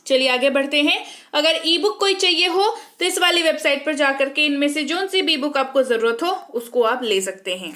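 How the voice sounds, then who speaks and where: A woman's voice: sits high, moderate pace, fairly bright tone. A young woman teaching English pronunciation in an online lesson, patiently explaining and quizzing her listeners with repeated questions.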